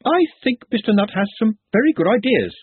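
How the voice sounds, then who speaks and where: A fussy young wizard scholar, as a narrator puts him on, stammering and hesitating, pitched well above the reader. The voice is husky and animated. It sounds tinny and dry, like a phone line. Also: male voice, fairly quick, heavily acted. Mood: flustered.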